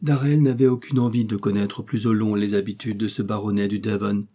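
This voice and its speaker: Male narrator for a classic novel audiobook; measured and steady, warm timbre with a husky edge. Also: lowish voice. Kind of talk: scripted narration.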